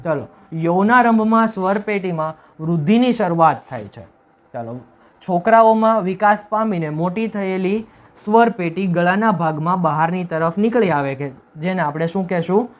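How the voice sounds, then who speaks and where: A man's voice: high-pitched, normal speed. A male teacher gives a classroom-style video lesson. He keeps asking questions and answering them himself, and often checks with "right?". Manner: repetitive, emphatic, checks with "right?".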